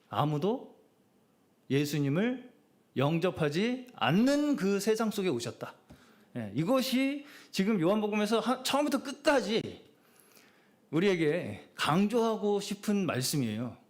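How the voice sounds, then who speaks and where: A middle-aged male pastor preaching a Friday prayer service sermon in a conversational style, often dropping in short affirming "yes" words. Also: sits high. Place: church sanctuary.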